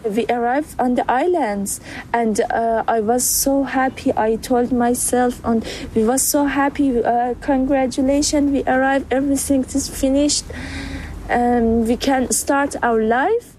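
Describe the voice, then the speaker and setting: A woman's voice: high-pitched, steady tone, a little slow, a little mellow, a little hiss or hum, low-quality recording. A woman in her twenties from Afghanistan, telling her story in simple, hesitant English with fillers. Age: 20s. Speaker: refugee interviewee. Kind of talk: interview testimony.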